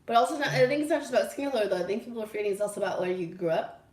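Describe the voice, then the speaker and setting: A woman's voice: mid-range voice, animated, rapid-fire, darkish tone, reverberant, distant mic. A woman from Southern California co-hosting a stream in casual chat, teasing and playful. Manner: teasing, playful, laughs a lot. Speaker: co-host.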